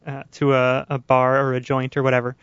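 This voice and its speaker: A man's voice: medium pitch, monotone, a little fast, fairly bright tone, smooth, dry recording, muffled recording. A man hosting a casual radio talk show, chatty and self-mocking as he tells a story in a studio. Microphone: studio microphone.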